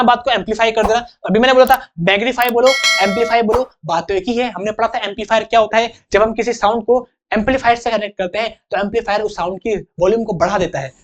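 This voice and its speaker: A young man teaching an English vocabulary lesson in a chatty, joking way, acting out little examples. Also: high voice.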